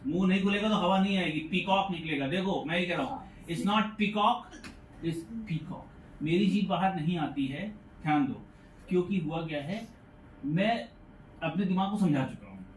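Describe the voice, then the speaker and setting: A man teaching English pronunciation to a class, patiently repeating sounds slowly to demonstrate them. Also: high voice. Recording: echoey room, mic far off, faint noise.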